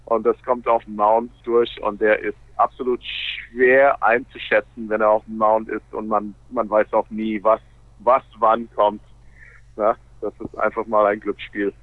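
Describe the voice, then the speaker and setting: A man's voice: fairly low pitch, level tone, a little slow, no room sound. A man from Canada, a native English speaker, talks casually in fluent German with an American accent and small grammar slips, as a guest in a radio interview. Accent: North American. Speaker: interview guest, baseball player. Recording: narrow, phone-like radio sound.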